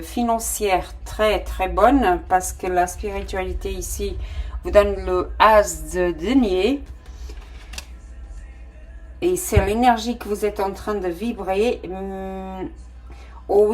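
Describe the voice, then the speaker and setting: This middle-aged tarot reader has a mid-range voice and a non-native French accent. Her casual reading is hesitant and packed with fillers, punctuated by delighted exclamations whenever a card turns up.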